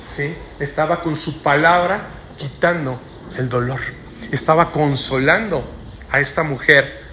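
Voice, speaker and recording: A man's voice: fairly high pitch, bright, forceful tone, slight background noise. A man preaching a sermon to a congregation in church, often ending his phrases with a questioning "¿no?". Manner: tags sentences with rhetorical "¿no?".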